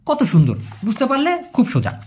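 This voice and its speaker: A teacher giving a spoken language lesson, explaining patiently and repeating each word slowly. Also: mid-range voice, huge pitch swings, darkish tone, slightly rough. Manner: explains patiently, repeats words slowly, acts out everyday examples.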